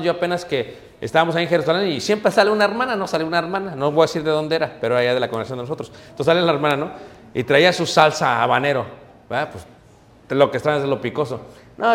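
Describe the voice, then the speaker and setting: A man's voice: fairly high pitch, expressive, rapid-fire, long reverb tail. A man preaching a humorous sermon, telling stories and laughing at his own jokes to the congregation.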